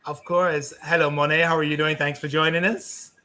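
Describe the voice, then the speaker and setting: A middle-aged man from Barbados hosts a relaxed online chat. His voice sits a little high and sounds bright, and his manner is courteous and chatty. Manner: courteous, talkative, halting at the guest's name. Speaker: host. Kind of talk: casual video-call chat.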